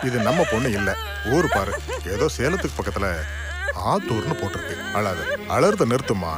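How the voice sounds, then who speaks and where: Brief: actor as a shaken middle-aged father, pleading and soothing, voice swinging widely, loud score underneath. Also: mid-range voice, very animated, moderate pace, over loud music, lightly acted. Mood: distressed soothing. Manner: coaxing, repeating himself in distress. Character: anxious middle-aged father soothing his crying wife. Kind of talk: Tamil film drama acting. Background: loud film score.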